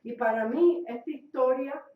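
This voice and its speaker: A woman's voice: high-pitched, measured pace. A woman preaching a sermon for a radio program, speaking emphatically and repeating key phrases. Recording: echoey, distant, dull lo-fi recording.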